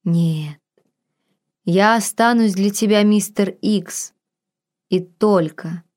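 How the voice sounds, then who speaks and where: A seductive, possessive man speaks in a low, husky voice, as a woman reading an audiobook puts him on. He talks slowly and quietly, drawing out each phrase. It sounds like a storybook romance. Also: close to an everyday voice. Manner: slow, hushed, drawn-out speech.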